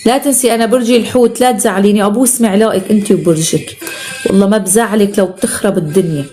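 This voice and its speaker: A woman's voice: medium pitch, racing, dark tone, soft background music. A woman with a Syrian Arabic accent hosting a live stream, chatting casually as she reads out viewer comments and showers them with endearments.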